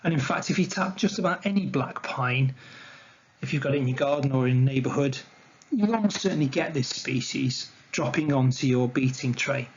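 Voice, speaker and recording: A man's voice: mid-range voice, moderate pace, slightly rough, highs cut off. A man giving an illustrated talk on wildlife to slides, in an informal, conversational way. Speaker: wildlife educator presenting a talk.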